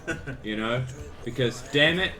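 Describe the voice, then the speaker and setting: A man's voice: fairly high pitch, expressive, moderate pace, crowd noise. A man in casual gaming stream banter, playfully pleading with his friends. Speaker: co-host.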